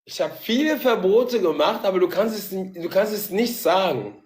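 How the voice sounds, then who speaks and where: A man's voice: high-pitched, expressive, normal speed. A man from Gabon hosting a casual video-call chat, teasing and questioning his guest playfully. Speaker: live-stream host.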